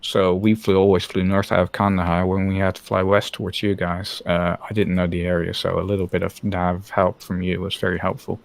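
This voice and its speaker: A man's voice: low-pitched, level tone, a little fast, creaky, hardly any pauses, dry recording. A man from the Netherlands, a former helicopter pilot, talking frankly in an interview with many hesitant restarts. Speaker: former Apache pilot guest. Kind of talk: candid interview talk on a live stream.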